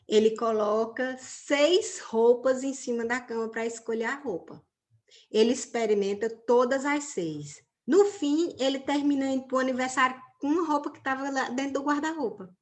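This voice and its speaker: A woman with a fairly high voice teaches an online religion class to teenagers. She speaks conversationally and checks in with her students often.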